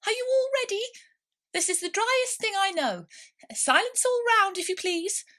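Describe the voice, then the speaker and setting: A woman's voice: extremely high pitch, expressive, normal speed, sharp tone, voice pushed up, full character voice. A woman voicing a self-important, bossy storybook mouse who lectures formally and gets cross easily. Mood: pompous.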